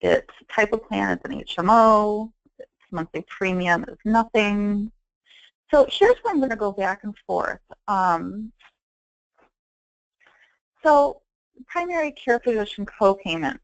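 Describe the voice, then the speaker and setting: A woman's voice: medium pitch, lively intonation, measured pace, long pauses, no room sound, rough recording. A woman who counsels on Medicare, giving a conversational training presentation and acting out her calls with clients. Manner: conversational, acts out client calls with quoted dialogue.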